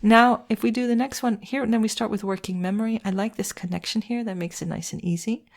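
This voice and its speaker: A woman who teaches writing takes listeners through editing a text one step at a time, questioning aloud and answering herself. She talks fast in a mid-range, creaky voice with a steady tone.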